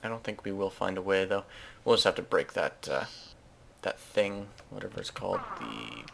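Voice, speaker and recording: Gravelly low-voiced man narrating gameplay. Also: sing-song, moderate pace, fairly bright tone, slight background noise. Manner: rambling, self-correcting, chatty asides. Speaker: Let's Play host. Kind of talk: casual gameplay commentary.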